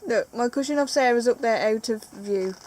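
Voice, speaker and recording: A woman's voice: fairly high pitch, normal speed, a little mellow, slight background noise. A woman with a British accent, chatting playfully at home while opening trading cards and reading them aloud. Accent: British English. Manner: playful, chatty, reads card text aloud. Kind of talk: casual chat. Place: living room at home.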